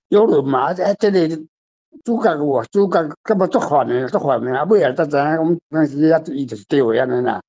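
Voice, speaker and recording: Fairly high-pitched and darkish in tone, this older man speaks with a Taiwanese accent as a guest author fielding questions. He talks about literature without a script, rambling emphatically and plainly while repeating himself.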